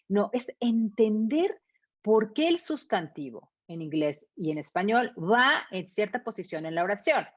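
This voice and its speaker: A woman, an English teacher explaining her method in an interview with emphatic repetition and rhetorical questions. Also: mid-range voice. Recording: dull lo-fi sound.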